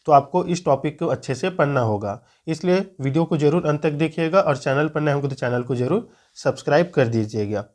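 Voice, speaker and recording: A man's voice: on the high side, expressive, fairly quick, a little mellow. A man teaching Hindi grammar for an exam, explaining patiently and repeating key points. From Chhattisgarh, India. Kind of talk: screen-recorded lesson.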